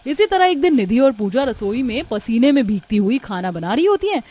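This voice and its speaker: Expressive woman narrating a story. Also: a little high, brisk.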